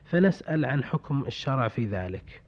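A man presenting a radio program in formal Standard Arabic, reading out listener letters in a measured, slightly hesitant way. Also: mid-range voice, big pitch swings. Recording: dull lo-fi radio recording.

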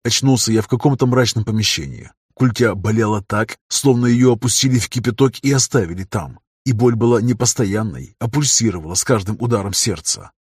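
A man narrating a first-person adventure audiobook in an even, steady storytelling voice. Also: on the low side, brisk, hardly any pauses, slightly rough, no room sound, clean studio sound.

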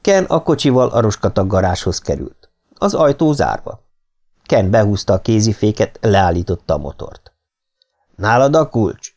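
A man narrating an audiobook in a steady, expressive reading. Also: fairly low pitch.

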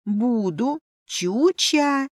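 A woman's voice: a little high, expressive, extremely slow, dry recording, studio quality, voice pushed up. Woman as an indignant young heroine. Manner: bewildered and indignant. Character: sleepy, exasperated young heroine.

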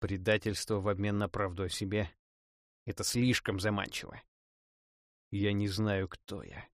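A man narrating a first-person fantasy audiobook in a dramatic, expressive reading. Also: lowish voice, moderate pace, no room sound, studio quality.

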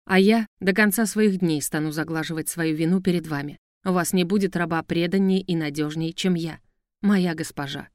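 A woman's voice: on the low side, moderate pace, no echo, studio quality, close to an everyday voice. A woman voicing a remorseful young male prince pleading earnestly in an audiobook. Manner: subdued, pleading. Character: remorseful proud young male star prince, now a slave.

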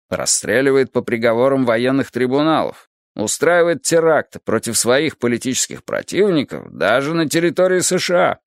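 A man voicing a male Soviet official who argues his position in a measured, official tone, in an audiobook reading. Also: medium pitch, dry recording, studio quality, voice pushed up. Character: middle-aged male Soviet official giving a firm policy speech.

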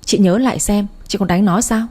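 Storybook figure: stern, scolding middle-aged father, read by a woman in a soft, mellow voice. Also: medium pitch, a little fast, breathy edge, close to an everyday voice. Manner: scolding, accusing.

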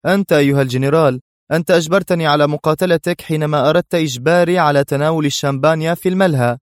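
A man's voice: medium pitch, fast talker, darkish tone, no echo, studio quality, voice pushed up, close to an everyday voice. A man reading a story, voicing a captive male spy who mocks his captor coolly. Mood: sarcastic. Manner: sarcastic, cool.

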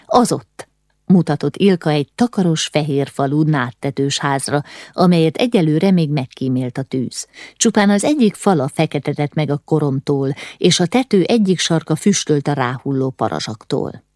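A woman's voice: sits low, lively intonation, a little mellow, no room sound, clean studio sound. A woman reading a novel aloud as an audiobook narrator, voicing the dialogue with urgent, rising lines in tense moments. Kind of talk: scripted narration.

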